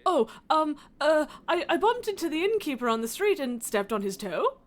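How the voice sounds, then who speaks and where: A woman's voice: high-pitched, expressive, moderate pace, voice pushed up. A woman voicing a desperate, over-earnest prisoner in a game, pleading dramatically for release. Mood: sheepish pleading.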